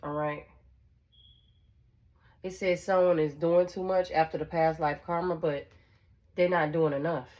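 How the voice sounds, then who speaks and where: A woman's voice: low voice, fairly even intonation, measured pace, pauses often, darkish tone. A woman giving a casual tarot reading to her viewers. She is blunt, swears freely, repeats herself, and checks in with "okay?". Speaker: tarot reader.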